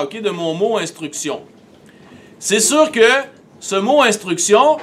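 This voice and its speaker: High-voiced Québécois teacher demonstrating steps. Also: male voice, a bit bright, slight background noise. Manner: methodical, step-by-step, talks through each click. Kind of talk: screen-recorded software tutorial.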